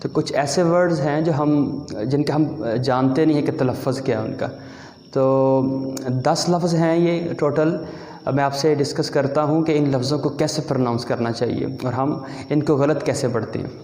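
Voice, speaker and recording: A man teaching English pronunciation, speaking slowly and deliberately, spelling out words and repeating them as a drill. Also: fairly high pitch, a little mellow. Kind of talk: classroom-style lesson, spelling words aloud. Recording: echoey, reverberant room.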